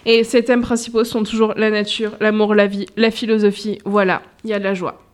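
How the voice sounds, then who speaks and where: A woman presenting a poetry game on a radio show, playful and quick to laugh. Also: medium pitch, flat delivery. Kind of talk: radio chat and reading.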